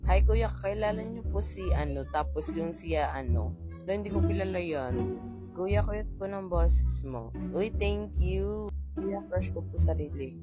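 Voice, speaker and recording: A man with a voice that sounds like a woman's, reading viewer comments aloud in casual chat and answering them with playful, teasing quips. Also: on the high side. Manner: playful, teasing, quick deadpan replies. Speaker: gaming content creator. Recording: clear background music. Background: music playing under the voice.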